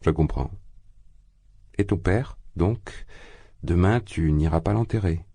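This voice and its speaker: A man's voice: low voice, slow pace, dark tone, breathy edge, no echo, exaggerated voice. A man reading the part of a tense young man who speaks curtly and insistently in an audiobook. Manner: curt and insistent.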